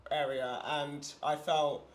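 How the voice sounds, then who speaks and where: Speaking slowly in a low voice with little pitch movement, a young English artist is a guest in a casual interview in her studio. She's chatty, full of fillers and restarts, and quick to laugh.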